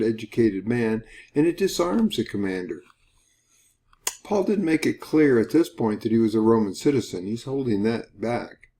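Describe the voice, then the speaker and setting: Mellow-voiced man teaching Bible study. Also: medium pitch. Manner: earnest, measured, reads scripture aloud.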